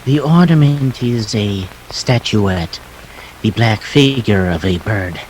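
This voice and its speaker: A man's voice: fairly low pitch, lively intonation, darkish tone, slight background noise, rough recording. Man playing a courteous, menacing crook, swooping delivery. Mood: smoothly courteous. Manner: formal, precise, halting politeness. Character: fussy, courteous Greek man, menacing yet slippery crook. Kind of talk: 1940s detective radio play acting.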